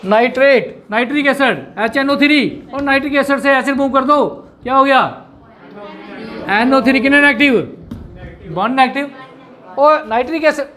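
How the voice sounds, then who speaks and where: A male chemistry teacher, lecturing a classroom and drilling students with quick questions and spelled-out terms. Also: very high voice, bright, forceful tone.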